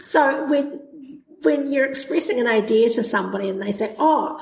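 A woman's voice: a little high, moderate pace, creaky, a little mellow. A woman co-hosting a casual podcast chat, sounding tinny and hollow, like a tin can, through a laptop microphone. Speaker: podcast co-host. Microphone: laptop microphone, mouth close to it.

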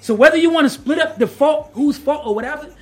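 A man co-hosting a casual sports podcast, emphatic and slangy, building up to loud points. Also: very high-pitched, fast talker, faint music behind. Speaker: podcast co-host.

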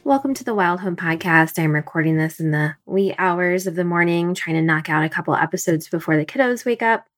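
A woman in her thirties hosting a solo podcast from home early in the morning, her voice a bit raspy, chatty and thinking out loud with fillers. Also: lowish voice, lively intonation, fairly quick, hardly any pauses, soft background music. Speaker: podcast host. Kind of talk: casual solo podcast talk.

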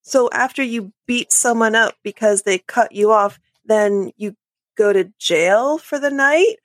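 Wry woman with a higher voice. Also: unhurried, no echo. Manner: wry, joking, asks rhetorical questions. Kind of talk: casual chat.

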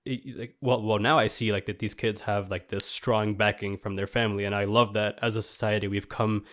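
A man in his twenties from New York, USA, chats casually in a reflective, rambling way, peppering his speech with "like." His voice is lowish with a fairly bright tone, and his delivery is flat and brisk.

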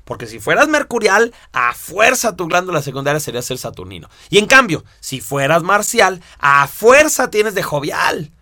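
A man's voice: high-pitched, big pitch swings, moderate pace, hardly any pauses, bright, forceful tone, no room sound, studio quality. A man teaching a lesson, walking through examples and often checking in with "¿sí?". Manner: explains with examples, asks "¿sí?" often. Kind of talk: explanatory lecture.

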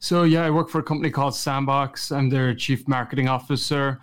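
A man's voice: medium pitch, steady tone, brisk, smooth. A man with a west of Ireland Kerry accent, answering interview questions in an informal, conversational way. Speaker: podcast guest, chief marketing officer.

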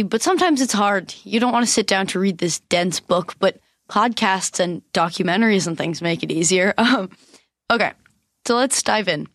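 Woman hosting a podcast, mid pitch, friendly, dry mic. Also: a bit bright, dry recording. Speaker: podcast host. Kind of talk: podcast interview.

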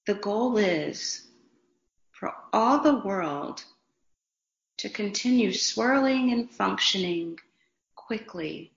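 A woman guiding a meditation in a slow, soothing, unhurried way with long pauses. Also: mid-range voice, lively intonation, gravelly. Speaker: meditation guide. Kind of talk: guided meditation. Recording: roomy, dull lo-fi sound.

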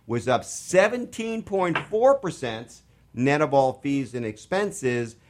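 Male radio host, investment talk, mid-pitched, halting delivery full of fillers. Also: big pitch swings. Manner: halting, many fillers and restarts, joking.

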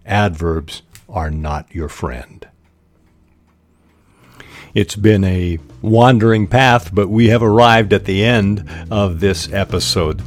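An older man hosting a podcast on writing, giving measured, deliberate advice in a scripted talk. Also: low-pitched, a little mellow. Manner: measured, deliberate teaching delivery.

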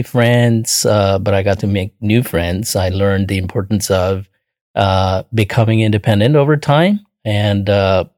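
A man from Bangladesh answering interview questions in a measured, earnest way with frequent pauses and fillers. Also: lowish voice, darkish tone, no echo, clean studio sound. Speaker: interview guest.

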